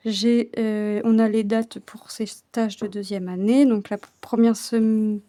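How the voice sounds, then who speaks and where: A woman casually chatting while she works on her cross-stitch, often stumbling over her words and dropping into soft, whispered asides. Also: mid-range voice, level tone, takes it slowly.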